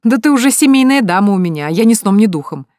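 A woman voicing a sharp-tongued, practical young woman who teases and lectures her friend. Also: mid-range voice, expressive, fast, no room sound, studio quality, pitched above the performer's own voice, lightly acted. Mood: teasing. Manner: teasing, coolly lecturing.

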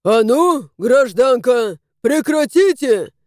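A bossy little house spirit from a storybook, as a woman acts him out, barking brisk orders and short commands. The voice is raised and lively and the tone is mellow. The read is dry and close. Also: fairly high pitch, no room sound, voice pushed up. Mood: stern. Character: gruff bossy house spirit, small male.

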